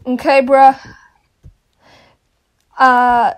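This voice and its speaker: A young woman with a high voice hosts a casual question-and-answer video. She jokes, swears and bursts into dramatic outbursts as she goes. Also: flat delivery, extremely slow, smooth. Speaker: channel host. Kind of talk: casual Q&A chat. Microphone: home microphone.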